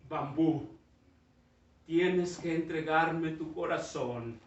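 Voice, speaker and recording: Hombre haciendo de amo sereno y firme. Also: male voice, far from the mic. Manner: slow, low, measured. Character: calm, firm master gardener, demanding sacrifice. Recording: echoey dull church sound from afar.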